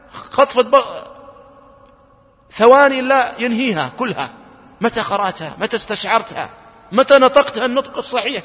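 A man's voice: high-pitched, fairly bright tone, big-room sound. A man preaching a sermon in earnest, asking his listeners question after question.

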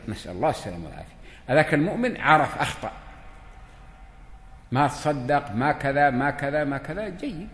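Preacher in an echoey hall. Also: male voice, on the high side. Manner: questions the listeners, acts out dialogues. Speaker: religious teacher. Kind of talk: lesson to a seated audience.

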